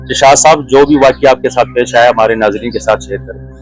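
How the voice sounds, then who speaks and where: A man's voice: medium pitch, fairly quick, faint music behind, rough recording. Polite male vlogger asking short questions. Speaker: vlogger interviewer. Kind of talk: casual interview prompts.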